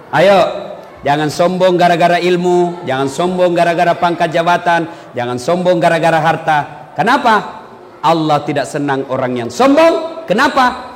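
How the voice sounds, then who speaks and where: Male preacher, lively and comic, high voice, long hall echo. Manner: lively, jokey, acts out quoted dialogue. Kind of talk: humorous sermon. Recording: echoey hall with faint noise.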